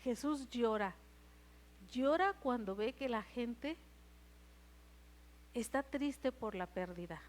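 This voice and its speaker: A woman's voice: fairly high pitch, expressive, slow pace, long pauses. A woman with a Mexican accent preaching a Sunday sermon in church. She retells scripture and keeps asking the congregation questions. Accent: Mexican Spanish. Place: church service.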